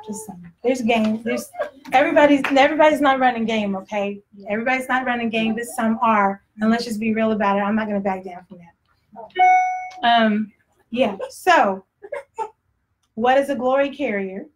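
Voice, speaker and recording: A woman's voice: on the high side, moderate pace, slight background noise. A woman with a Texas accent preaching a sermon in a blunt, conversational way, often laughing. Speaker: pastor.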